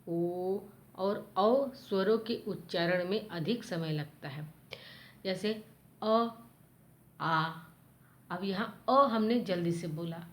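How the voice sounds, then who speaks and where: A woman teacher giving a grammar lesson to children, spelling out letter sounds one at a time in a patient, explanatory way. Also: lowish voice. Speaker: school teacher.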